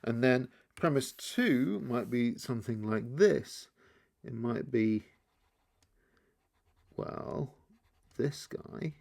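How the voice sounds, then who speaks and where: A man explaining key terms in a relaxed lesson, thinking aloud as he draws and often restarting his sentences. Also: mid-range voice, drawn-out words, gravelly, pauses often. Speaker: teacher. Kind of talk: explainer lesson while drawing.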